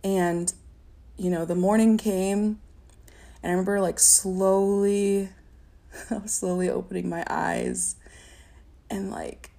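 A young woman giving a personal testimony in an interview, talking in a halting, reflective way with many fillers and a stutter. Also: mid-range voice, little pitch movement, gravelly, mellow. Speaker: interview guest.

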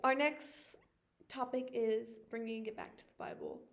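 A woman's voice: a little high, fairly even intonation, a little slow, creaky. A young woman co-hosting a podcast, chatting casually in an easygoing, slightly hesitant way, often correcting herself. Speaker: podcast co-host. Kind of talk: casual chat.

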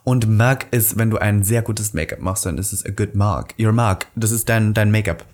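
A man's voice: on the low side, moderate pace, darkish tone. A young man co-hosting a casual podcast, playful and campy, with exaggerated exclamations. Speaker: podcast co-host.

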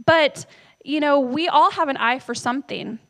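Woman pastor in her thirties with a slightly high voice, preaching chattily to her church and quizzing the crowd. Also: moderate pace, a bit bright. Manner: conversational, tells family stories, asks the audience questions. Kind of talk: sermon. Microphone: handheld microphone.

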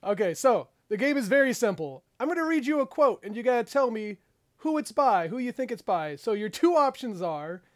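A man's voice: very high voice, sing-song, fairly quick. A man hosting a casual podcast chat and running a quiz game, joking and laughing often as he talks. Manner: laughs often while talking, loose and joking.

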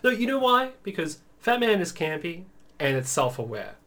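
A man's voice: sits high, sing-song, moderate pace, a bit bright. Sarcastic, opinionated man on a podcast. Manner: sarcastic, opinionated, swears casually. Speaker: podcast co-host. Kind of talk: casual chat.

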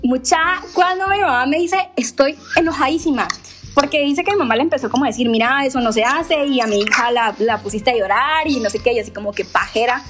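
A high-pitched woman in her late twenties tells stories in a casual chat. She is animated and swears freely, and her voice leaps way up whenever she acts out other people's lines. Soft music plays underneath. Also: quick pace, few pauses. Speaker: podcast co-host.

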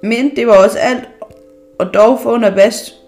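A woman reading a children's story aloud in a lively way, often tripping over words and restarting. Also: a little high, soft background music. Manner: lively read-aloud with frequent slips and restarts.

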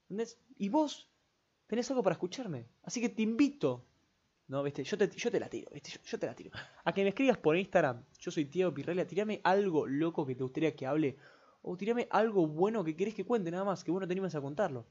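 Young man, Rioplatense accent, rambling podcast chat, slightly high voice, dull lo-fi sound. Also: expressive, quick pace, a little mellow. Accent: Rioplatense Spanish. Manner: rambling, chatty, full of filler tags. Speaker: podcast host. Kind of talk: casual solo podcast chat. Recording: dull lo-fi recording.

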